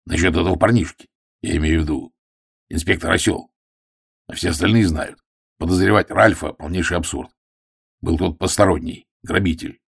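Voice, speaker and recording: A man's voice: low-pitched, moderate pace, gravelly, long pauses, slightly rough, full character voice. A man voicing a taciturn middle-aged big game hunter who speaks bluntly and awkwardly.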